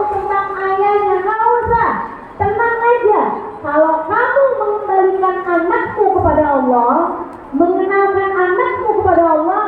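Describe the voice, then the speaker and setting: A woman's voice: extremely high pitch, slight background noise. A woman preacher giving a religious talk to mothers in a hall, with a sing-song lilt, Arabic recitations and questions put to the audience. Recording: tinny echoey hall recording.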